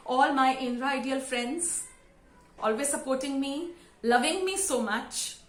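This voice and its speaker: Emotional Indian woman, around fifty. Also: high voice. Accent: Indian English. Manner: emotional, sincere, halting with fillers. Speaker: vlogger and school teacher. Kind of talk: heartfelt thank-you speech to camera. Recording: roomy echo.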